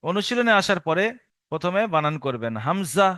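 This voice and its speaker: A man's voice: fairly high pitch, animated, fairly quick, fairly bright tone, no room sound, clean studio sound. A man teaching Quran reading to adults in a recorded lesson. He patiently repeats each rule for learners to memorize and draws out the syllables as he spells them.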